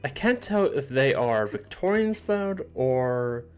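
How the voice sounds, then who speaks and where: A man co-streamer reading game narration aloud in a plain, steady way. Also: medium pitch, unhurried, clear, resonant tone.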